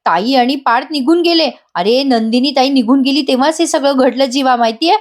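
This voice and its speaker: A woman voicing a lively young sister from a TV serial, brisk and teasing. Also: high voice, natural voice.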